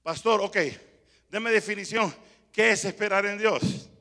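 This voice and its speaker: A man's voice: high-pitched, a little slow, bright, forceful tone, long reverb tail, exaggerated voice. A preacher voicing an impatient male churchgoer who questions him with complaints. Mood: doubtful.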